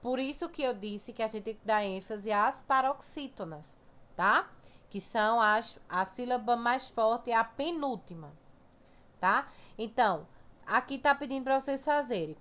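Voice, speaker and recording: A woman teacher explaining a grammar lesson step by step to her pupils, often checking understanding with short tag questions and slowly drawing out words as she sounds out their syllables. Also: a little high, a bit bright. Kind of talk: recorded remote class lesson. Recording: dull lo-fi recording.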